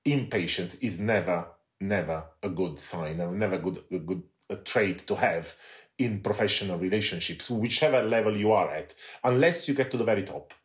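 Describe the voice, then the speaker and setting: Speaking at a normal pace in a low voice, a middle-aged guest from Italy chats casually on a podcast. He comes across as hesitant yet candid, frequently starting his sentences over.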